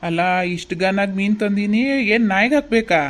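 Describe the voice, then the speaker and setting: A performer playing a drunk, bullying village husband, blustering and threatening in a slow voice. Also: mid-range voice, natural voice.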